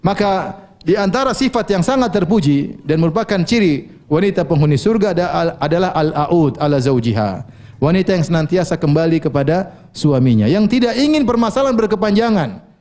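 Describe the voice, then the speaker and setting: A man's voice: fairly high pitch, expressive, fairly quick, a little mellow. A male preacher giving a sermon, asking the audience questions, answering them himself, and quoting Arabic scripture with translations.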